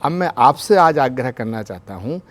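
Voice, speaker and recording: Formal measured man on a TV panel. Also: mid-range voice, lively intonation, noisy background. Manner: measured, formal, devotional phrasing. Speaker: panelist, spiritual leader. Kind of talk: TV debate argument. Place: TV studio.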